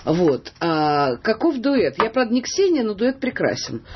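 A woman's voice: medium pitch, sing-song, unhurried, noisy background. A woman hosting a live radio talk show who teases her guests in a playful way. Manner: teasing, playful. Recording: dull lo-fi radio broadcast.

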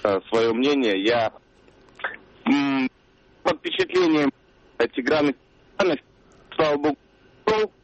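A man's voice: medium pitch, huge pitch swings, a little slow, gravelly, long pauses, slight background noise. A man from Moscow calling in to a radio show over a phone connection that keeps glitching and breaking up. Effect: glitching, breaking-up phone line. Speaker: caller.

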